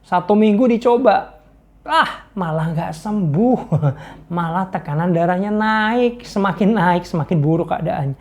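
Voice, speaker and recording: Lively woman giving a casual sermon. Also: on the low side, measured pace. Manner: storytelling, exhorting; laughs often. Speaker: preacher.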